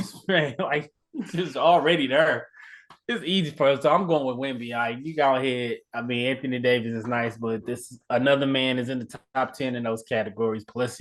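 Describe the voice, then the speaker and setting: A man co-hosting a sports podcast in a relaxed style, often laughing and repeating words as he talks. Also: medium pitch. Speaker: podcast co-host. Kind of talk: casual sports chat.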